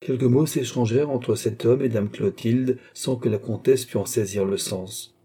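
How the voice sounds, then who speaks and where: A man narrating a classic novel as an audiobook, in a measured storytelling manner. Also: mid-range voice, mellow, husky.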